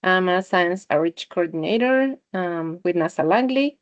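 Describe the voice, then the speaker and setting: A woman's voice: lowish voice, animated, a little slow, dry recording, dull audio. A woman from Mexico City, a science outreach coordinator, giving a friendly short self-introduction. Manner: friendly, light laugh.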